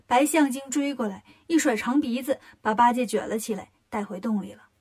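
A woman narrating a children's story in a lively, expressive way. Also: a little high, a little fast, slightly rough.

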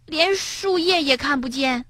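A woman voicing a gentle young male frog in a storybook, speaking softly with sighs. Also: sits high, unhurried, no echo, voice pushed up. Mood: sad. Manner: soft and sighing.

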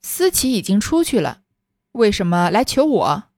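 A woman voicing a sharp-tongued young noblewoman who runs a household, speaking briskly and with command. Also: mid-range voice, big pitch swings, dry recording, clean studio sound. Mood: puzzled. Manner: brisk, quick-witted, commanding.

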